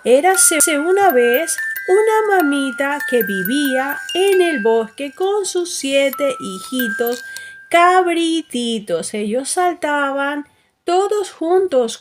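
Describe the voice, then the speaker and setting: High-voiced woman telling a children's story. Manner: slow, gentle, childlike voicing of characters.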